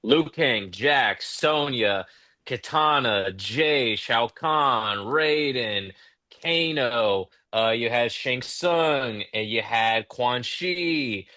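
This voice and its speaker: A man's voice: mid-range voice, animated, extremely slow, sharp tone, dry recording. A man co-hosting a podcast, talking bluntly in casual chat and swearing freely. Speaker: podcast co-host.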